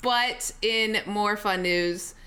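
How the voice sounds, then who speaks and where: Canadian woman host, 30s, bright and forceful, chatty and joking. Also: medium pitch, clean tone. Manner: chatty, joking, quick segues. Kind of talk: casual chat.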